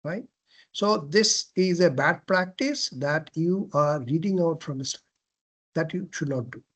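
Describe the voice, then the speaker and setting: A man giving a classroom lecture on presentation skills, asking questions and answering them himself, often clearing his throat and restarting phrases. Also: fairly high pitch, a little slow, a bit bright. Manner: frequent throat clearing and self-corrections.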